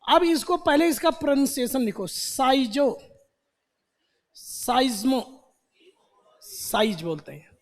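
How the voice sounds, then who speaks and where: A man's voice: very high voice, lively intonation, takes it slowly, long pauses. A man teaching vocabulary to a class, repeating words and quizzing students with questions. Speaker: English teacher. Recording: long hall reverb.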